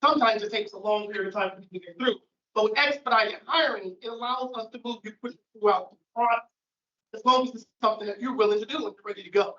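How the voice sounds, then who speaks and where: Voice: medium pitch, fast, bright, forceful tone. Recruiter talking to a crowd, pushy "okay?" style, echoey dull room. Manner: emphatic, checks in with "okay?". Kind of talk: casual public talk.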